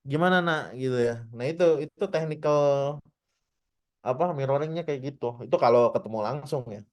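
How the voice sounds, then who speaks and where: A man's voice: medium pitch, moderate pace, darkish tone. A man in his thirties teaching a casual online marketing class, chatty, often tagging his points with little checks and acting out short example dialogues. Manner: frequent "ya" tags, addresses "teman-teman". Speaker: digital marketing trainer.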